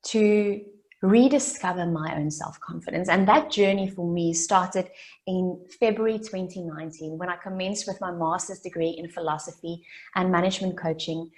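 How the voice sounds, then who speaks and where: This is a fairly low-pitched voice belonging to a South African woman in her late twenties with Afrikaans as her native tongue. As a summit speaker, she offers an earnest motivational talk whose story unfolds through intentional repetition.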